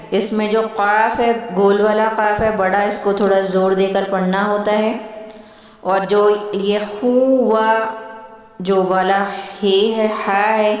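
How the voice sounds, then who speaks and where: Woman, recitation teacher, slow drawn-out chanting then plain explaining, very echoey, long reverb, distant from the mic. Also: medium pitch. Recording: very echoey room from far off.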